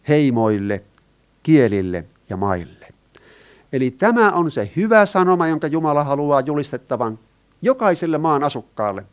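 A man preaching to a congregation, his voice at an ordinary middle pitch. He leans on key phrases and keeps turning to his listeners with questions. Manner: asks the listeners rhetorical questions, rises and falls in emphasis. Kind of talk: sermon.

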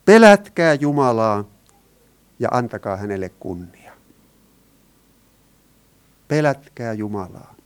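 A man's voice: medium pitch, a little mellow. Man preaching with rhetorical questions. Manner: asks the listeners rhetorical questions, rises and falls in emphasis. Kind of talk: sermon.

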